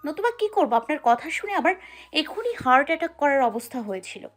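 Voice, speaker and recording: Brief: woman playing a high-voiced, shy, pouty young wife, soft music under. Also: big pitch swings, brisk. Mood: protesting. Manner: protesting, shy, pouting. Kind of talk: audio drama acting.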